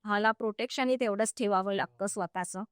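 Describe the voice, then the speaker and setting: A woman's voice: medium pitch, fairly quick, smooth, dry recording, clean studio sound. A woman spiritual teacher telling a story in a podcast interview, vivid and acting out what people said. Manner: vivid, acts out quoted speech.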